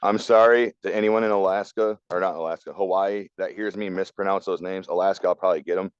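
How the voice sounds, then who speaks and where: A man with a lowish, smooth voice gives blunt, opinionated takes in casual podcast talk. The sound is dry and a little dull, as from a modest lo-fi setup. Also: fairly even intonation, fast, no room sound. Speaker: podcast co-host.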